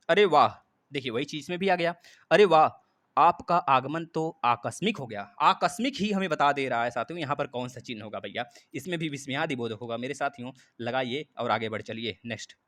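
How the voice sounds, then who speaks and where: A man teaching a live online class, his voice at an ordinary middle pitch. He is lively, speaks straight to his students and repeats key points, and the recording is dry with no room sound. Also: no room sound. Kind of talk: live online exam-prep lesson.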